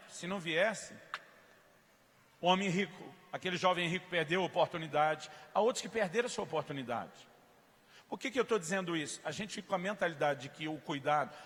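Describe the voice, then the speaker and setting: Give me a Brazilian pastor preaching, somewhat high voice, reverberant church hall, animated storytelling. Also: male voice. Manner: animated storytelling, acting out dialogue, rising to loud emphatic peaks. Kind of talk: sermon.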